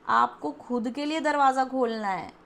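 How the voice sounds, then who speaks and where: Chatty and coaxing, a tarot reader from India leads a pick-a-card reading and voices the listener's doubts for them. She speaks unhurriedly in a high, gravelly, somewhat bright voice.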